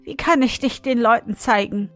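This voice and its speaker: A woman reading the lines of a downcast, worried young prince in a slowly told storybook. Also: fairly high pitch, soft background music, lightly acted.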